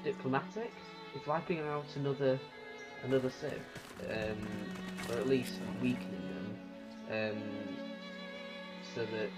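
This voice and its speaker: A man giving unscripted commentary on a strategy game, thinking aloud in a halting way. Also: mid-range voice. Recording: muffled lo-fi recording with music. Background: music.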